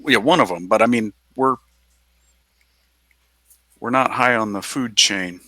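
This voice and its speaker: A man's voice: fairly low pitch, measured pace, bright, forceful tone, no echo. A man playing a tabletop game, earnestly talking through a plan. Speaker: player. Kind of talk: casual tabletop chat.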